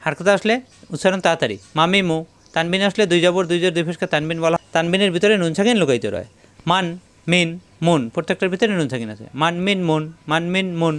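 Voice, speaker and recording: A man teaches Quran reading. He explains patiently and step by step, repeating each syllable slowly in drills and telling his viewers to take note. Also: on the high side, clean tone. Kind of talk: step-by-step recitation lesson.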